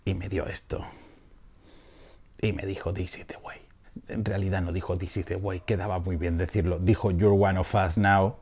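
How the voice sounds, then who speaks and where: A man's voice: sits low, flat delivery, normal speed, a little mellow. A middle-aged man from Spain with a Peninsular Spanish accent, giving a casual, jokey video review as a film critic with rambling asides.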